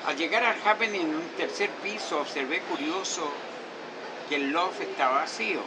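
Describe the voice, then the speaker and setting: An older man, a painter and writer, narrating a reflective story in a slow, musing way with hesitant fillers. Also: a little high. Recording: echoey, distant mic with noisy ambience.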